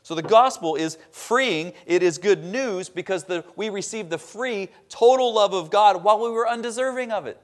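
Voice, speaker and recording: A man preaching a sermon, stressing key words loudly and dropping to a hushed tone at the ends of points. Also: high-pitched, moderate pace, few pauses. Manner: emphatic preaching, swinging between loud stresses and quiet drops. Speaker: pastor.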